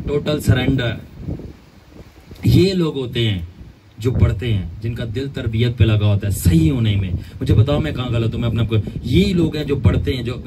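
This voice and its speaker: A male pastor preaching a sermon emphatically, with a tinge and long pauses. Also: medium pitch, noisy background.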